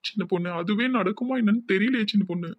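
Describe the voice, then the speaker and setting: A man's voice: high voice, fast talker, no room sound, muffled recording. A man voicing a distraught young village man with a Tirunelveli accent, talking in an anxious, pleading, tearful way in a cartoon. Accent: Tirunelveli Tamil.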